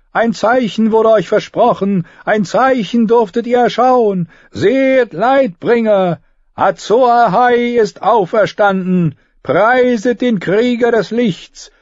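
A man's voice: high voice, darkish tone, dry recording, muffled recording, voice pushed up. A man voicing a fervent, exalted priestess. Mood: exalted prophecy. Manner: exalted, slow, declaiming. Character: fervent red priestess, woman, commanding prophet.

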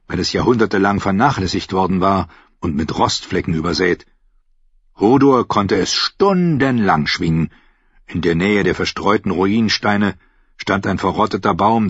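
A man reading a fantasy novel aloud as audiobook narrator in a steady, even storytelling manner. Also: deep voice, breathy edge, dry recording. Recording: slightly dull dry recording.

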